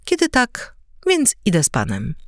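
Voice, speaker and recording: Scheming noble lady, high and haughty, swings wide, woman reading her. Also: huge pitch swings, a little slow, no echo, studio quality. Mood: resigned. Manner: haughty, pleading then threatening.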